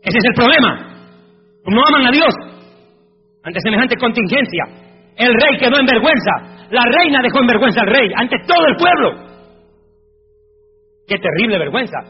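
High-voiced man preaching emphatically. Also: lively intonation, normal speed, pauses often. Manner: emphatic preaching with rhetorical questions; reads scripture aloud. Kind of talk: evangelical sermon. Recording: reverberant, dull sound with faint music.

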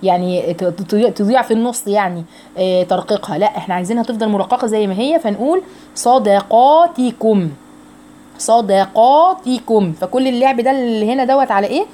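A woman with an Egyptian accent teaching a Quran recitation lesson, reciting slowly and drilling each syllable over and over. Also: mid-range voice, dark tone. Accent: Egyptian Arabic. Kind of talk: tajweed lesson with slow recitation.

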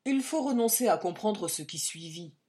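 A woman narrating a story aloud in a measured, expressive reading. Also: mid-range voice. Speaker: audiobook reader. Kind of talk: scripted narration.

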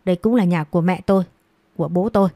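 A woman's voice: on the low side, fast, mellow, no echo, studio quality, close to an everyday voice. A woman voicing a wronged young woman who answers back in a choked, defiant voice. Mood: hurt defiance.

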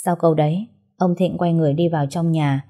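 Husky-voiced woman narrating a story. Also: low-pitched, fairly even intonation, fast, warm tone. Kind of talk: scripted narration.

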